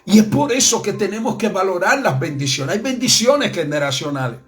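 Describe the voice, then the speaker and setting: A man preaching a sermon with passion, swinging between soft, low passages and loud, climbing ones. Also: lively intonation, fairly quick. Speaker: pastor. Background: faint music.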